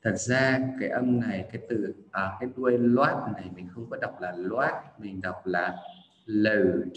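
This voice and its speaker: A man from Vietnam giving a chatty livestream pronunciation lesson, repeating words slowly to demonstrate the sounds. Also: lowish voice, roomy sound, highs cut off. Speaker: English pronunciation teacher.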